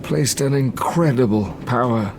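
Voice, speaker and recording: An actor playing Victor Frankenstein, an obsessed, haunted young scientist, speaking with formal, literary intensity in an audio drama. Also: male voice, medium pitch, measured pace, background noise, lightly acted. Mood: grave, intense. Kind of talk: audio drama acting, first-person narration and dialogue.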